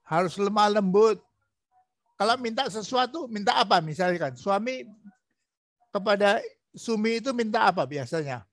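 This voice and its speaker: A man training a student in preaching, asking patient prodding questions and acting out gentle examples. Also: sits high, lively intonation, normal speed, pauses often, dry recording, studio quality. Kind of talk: coaching a student in preaching practice.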